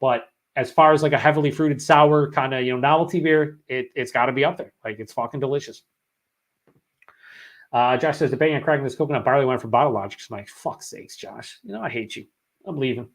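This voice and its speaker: Guy w a sore throat hosting a live beer stream, rambly, swears a lot, reads chat out loud. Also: medium pitch, fast. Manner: rambling, profane, reads chat comments aloud. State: sore throat after hours of talking.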